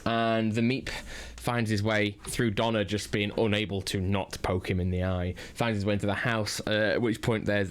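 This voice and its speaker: Low-voiced Northern English man reviewing. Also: clear, resonant tone. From Northern England. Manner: rambling, many fillers and restarts. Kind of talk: casual spoken review.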